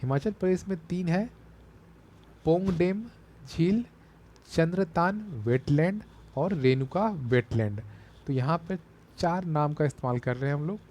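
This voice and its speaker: Slow, mellow-voiced Bihari Hindi teacher. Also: male voice, a little high, lively intonation. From Bihar, India. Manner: explains slowly, repeats key words. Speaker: exam coaching teacher. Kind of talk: teaching memory tricks.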